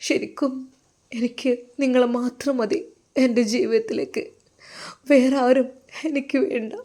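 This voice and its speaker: A woman voicing a shy young woman who speaks in a hushed, trembling voice. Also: a little high, fairly even intonation, a little slow. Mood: tearful.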